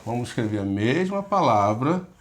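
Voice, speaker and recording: A middle-aged man teaches a grammar lesson at an unhurried, patient pace, breaking each point into small steps. His voice sits at an ordinary middle pitch, and he often stops to check that the listener is following. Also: very animated, a little hiss or hum. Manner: patient, explains step by step, checks in with "ok?" and "tá?". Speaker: pastor teaching biblical Hebrew. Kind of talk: recorded online lesson.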